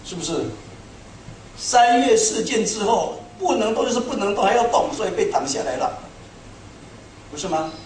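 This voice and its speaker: A middle-aged man preaching a sermon to a congregation, telling stories in an animated, self-mocking way. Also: high voice, moderate pace, long pauses, a little hiss or hum. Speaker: pastor. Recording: echoey hall, speaker far from mic.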